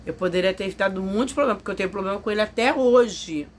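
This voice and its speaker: In a fast, mid-range voice over slight background noise, a woman vlogger recounts a personal testimony. Her storytelling is confiding and emotional, and she performs others' lines as she goes.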